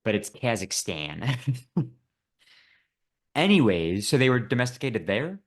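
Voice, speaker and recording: A man's voice: mid-range voice, very animated, a little slow. Teasing, joking podcast co-host man. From Buffalo, New York, USA. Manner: teasing, joking, swears casually. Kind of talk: casual chat.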